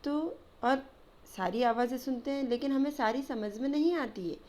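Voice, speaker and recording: A woman's voice: high voice, moderate pace, a little mellow. A woman teaching a grammar lesson to children, patiently spelling out letters and sounds one by one over slides.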